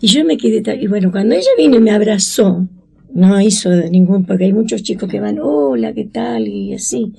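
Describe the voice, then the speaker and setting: A woman's voice: normal speed, creaky, husky. An older woman from Chaco with an Argentine accent, telling her story in an interview and acting out the voices she quotes. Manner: acts out quoted voices, rising high and excited. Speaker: interviewee, grandmother of a found granddaughter.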